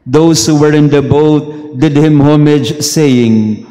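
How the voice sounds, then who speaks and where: Slow priest in cathedral echo. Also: male voice, a little high, mellow. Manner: slow measured reading, then easygoing mixing of English and Tagalog. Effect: long cathedral-like echo. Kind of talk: gospel reading and homily. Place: large church. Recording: long church reverb.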